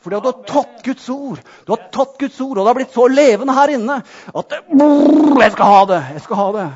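A man preaching a sermon with fervor, repeatedly calling out amen and hallelujah. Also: very high-pitched. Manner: fervent, punctuates with amen and hallelujah. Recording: dull lo-fi sound.

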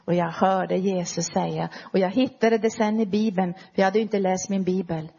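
A middle-aged woman preacher telling her conversion story in an earnest, storytelling way, dropping low and soft at key moments. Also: fairly even intonation, creaky, breathy edge, highs cut off. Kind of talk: personal testimony sermon.

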